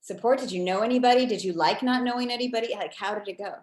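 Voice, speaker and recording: Host, forties, higher voice, chatty and upbeat, echoey room on a call. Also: female voice, fast. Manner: chatty and upbeat, laughs often. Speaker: host, professor. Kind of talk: casual interview over video call. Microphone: video call. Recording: roomy video call audio.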